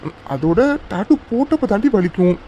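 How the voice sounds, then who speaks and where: A woman's voice: mid-range voice, animated, fairly quick, mellow, slight background noise, close to an everyday voice. A woman voicing a young husband in a cartoon romance, teasing and coaxing his wife tenderly.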